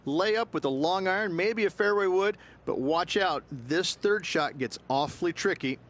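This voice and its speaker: Higher-voiced male golf commentator. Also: expressive, moderate pace. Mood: enthusiastic, advising. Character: enthusiastic, knowing male golf analyst. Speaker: golf analyst. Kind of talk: conversational golf commentary in a video game.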